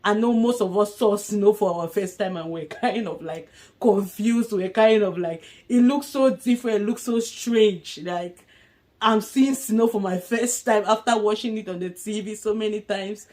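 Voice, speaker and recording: A woman's voice: mid-range voice, moderate pace, a little mellow. A young woman from Africa giving casual, earnest advice in a vlog, laughing often as she talks. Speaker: vlogger.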